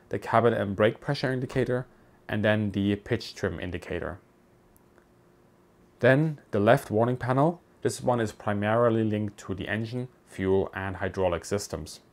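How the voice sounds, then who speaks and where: A man with a fairly low voice narrates in a measured, explanatory way. His delivery is scripted and steady, like a guided documentary walkthrough recorded as a voice-over. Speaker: presenter. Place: voice-over, not recorded in the pictured cockpit.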